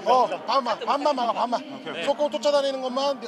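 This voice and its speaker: A man's voice: very high-pitched, fast talker. A man coaching a volleyball team, giving direct, urgent tactical instructions in a huddle. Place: large indoor arena, courtside. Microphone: TV broadcast mic near the huddle. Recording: loud crowd and music, arena broadcast. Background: crowd and music.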